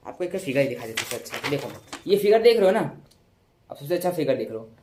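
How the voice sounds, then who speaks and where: A man's voice: on the high side, big pitch swings, quick pace, background noise. Chatty young man explaining a lesson. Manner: chatty, repeats words, self-corrects, uses sound effects. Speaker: teacher. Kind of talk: casual classroom explanation.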